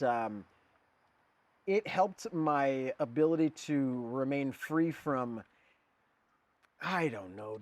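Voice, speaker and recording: A man in his forties raised in Germany, appearing as a guest artist, chats casually and rambles, dropping plenty of fillers and "dude." His voice is fairly high-pitched, and there's no echo.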